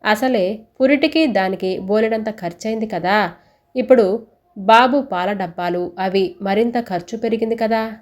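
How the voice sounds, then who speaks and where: A woman's voice: mid-range voice, unhurried, darkish tone, lightly acted. A woman storyteller voicing a practical young husband who firmly reasons with his wife. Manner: firm, persuading.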